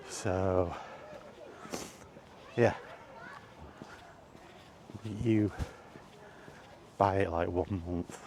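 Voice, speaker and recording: This is a deep, slightly mellow male voice belonging to a British vlogger strolling in a park. He rambles casually, hesitating and grumbling a little, while noisy outdoor sound fills the recording.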